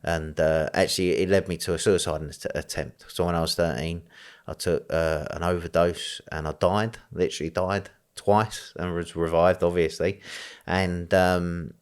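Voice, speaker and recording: A man with a strong East London accent talks as an interview guest, his voice sitting very low. He rambles, fills pauses with ums and you-knows, and laughs easily as he goes. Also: fairly even intonation, smooth. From East End of London, England. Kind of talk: conversational interview.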